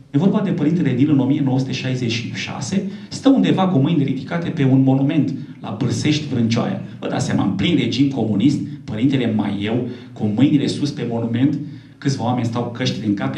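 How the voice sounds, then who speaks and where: A priest giving a lively speech at a book launch, telling stories and voicing the people he quotes. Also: medium pitch. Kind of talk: public speech with storytelling. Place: event hall. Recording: echoey room from a distant mic.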